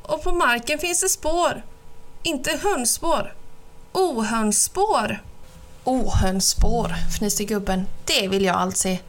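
Woman reading a children's storybook. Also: sits high. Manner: calm, clear, measured.

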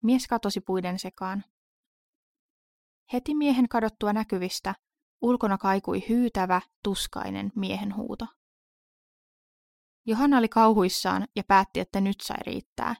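A woman narrates a scripted horror story in a measured, steady way. Her voice has a gravelly fry, and the sound is close and dry. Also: mid-range voice, no room sound.

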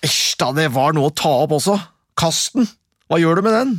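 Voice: mid-range voice, lively intonation, no room sound, clean studio sound, natural voice. A storyteller voicing two scornful older brothers in a folk tale, scolding and dismissive. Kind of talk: storybook reading.

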